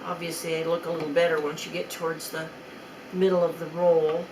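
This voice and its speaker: A woman's voice: low voice, little pitch movement, a little fast, background noise. A woman chatting casually through a home kitchen demonstration, loose and trailing off mid-sentence. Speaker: host of a food demo video.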